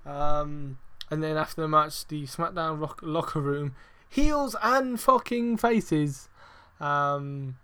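A man hosting a casual wrestling review podcast, his voice sitting a little high for a man. He rambles through fillers and restarts, swears constantly and gets excitable and emphatic. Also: takes it slowly, clean tone. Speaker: podcast host.

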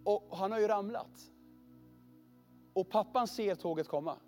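Guy preaching, pretty high voice, earnest story sermon, goes all hushed and heavy a lot. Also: faint music behind.

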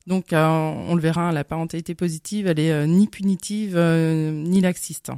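A woman's voice: low-pitched, steady tone, normal speed, mellow, no room sound, clean studio sound. A woman who coaches parents, speaking on a radio show in an earnest, hesitant way. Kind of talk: casual radio chat.

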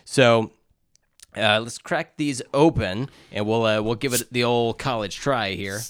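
A man's voice: mid-range voice, a little slow, a bit bright, smooth, no echo, clean studio sound. A man co-hosting a podcast in casual chat, joking and rambling with plenty of fillers. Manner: jokey, rambling with many fillers. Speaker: podcast co-host.

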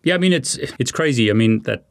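A man hosting an interview, reacting quickly and stumbling over repeated words as he starts sentences. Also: mid-range voice, lively intonation, creaky, no echo, clean studio sound. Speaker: podcast host. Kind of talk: casual interview talk.

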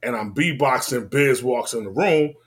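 A man in his forties with a Washington, D.C. accent, telling his story in a casual, slangy, laid-back way that drifts between loud and low. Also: normal speed.

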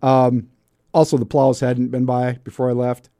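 A man's voice: medium pitch, monotone, normal speed, mellow, no echo. A male talk radio host chats casually in a mid-range voice. He grumbles wryly and tosses out rhetorical questions. The sound is close and dry.

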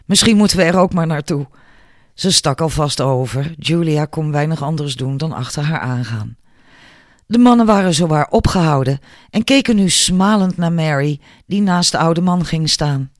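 A man narrating an audiobook with a calm, measured reading. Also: a little high, no echo, studio quality. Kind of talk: scripted narration.

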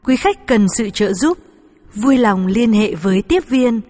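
A woman's voice: a little high, animated, a little slow, a little mellow. A woman speaking as a flight attendant, reading formal, polite scripted in-flight announcements. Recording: long hall-like reverb.

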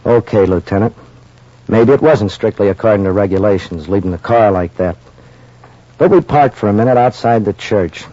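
Man acting a mellow-voiced old-time radio cop. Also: on the low side, normal speed, lightly acted. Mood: earnest. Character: plain-spoken police officers, earnest or brusquely commanding. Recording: dull, noisy old radio recording.

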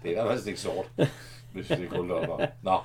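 A man in casual watch-along chat, making quiet, low-key comments on the film. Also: big pitch swings, creaky.

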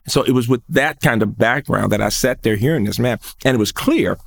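A man's voice: medium pitch, brisk, gravelly. An older man, an educator, recounting his memories in an earnest, emphatic way during an interview. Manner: earnest storyteller, thoughtful and emphatic. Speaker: guest, educator.

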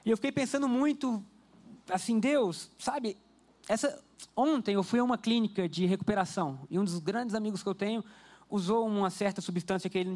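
High-voiced man preaching a story-driven sermon. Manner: lively storyteller, speaks directly to the congregation. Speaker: pastor. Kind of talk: conversational sermon with personal stories. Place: church service before a congregation.

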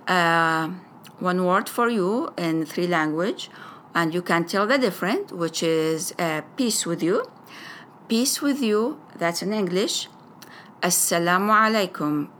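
An Iraqi mother, a native Arabic speaker with an Iraqi Arabic accent, shares her background in personal testimony to a school audience, speaking slow, careful English. Her slightly low, bit-bright voice comes with deliberate phrasing and frequent pauses and hesitations as she picks words, over a faint hiss.

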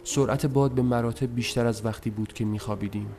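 Soft, somber male audiobook narrator. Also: medium pitch, steady tone. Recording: noisy recording.

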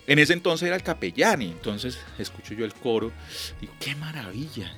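A middle-aged Colombian man, a lyric singer, telling stories in a chatty, animated way during an interview, acting out the dialogue he recalls. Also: mid-range voice, fairly quick, soft background music. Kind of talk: relaxed storytelling.

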